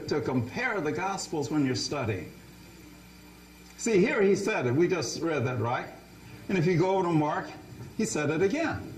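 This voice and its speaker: A man's voice: sits high, darkish tone, echoey room, slight background noise, low-quality recording. A man preaching a Bible study sermon, often asking his listeners questions and repeating words as he restarts.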